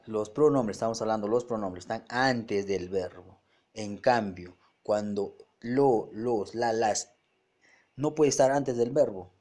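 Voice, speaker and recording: A man teaches a grammar lesson in a mellow, darkish voice. He works through the points step by step, stumbling and restarting words. He often pauses to check that his students follow. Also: mid-range voice.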